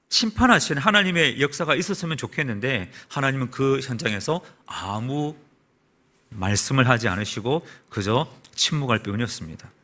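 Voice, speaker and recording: A man preaching a Sunday sermon as a pastor in a church, asking the congregation rhetorical questions. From South Korea. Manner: preaching with rhetorical questions and lively swings in pitch and volume. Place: church sanctuary.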